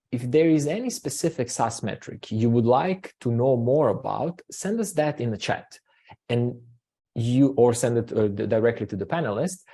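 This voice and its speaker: Hosting a business webinar from the marketing side, this Croatian man has a medium-pitched, warm voice. His delivery is halting, packed with fillers and restarts.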